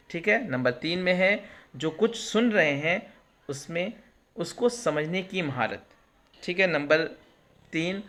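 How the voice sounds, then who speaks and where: A man's voice: on the high side, a bit bright. A male teacher explains test questions, asking and answering his own questions and glossing terms in English. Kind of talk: exam prep lesson.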